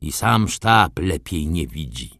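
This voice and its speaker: A man's voice: very deep voice, sing-song, takes it slowly, creaky, fairly bright tone, dry recording, exaggerated voice. A man voicing an old army sergeant in a storybook reading, muttering dry, wry remarks.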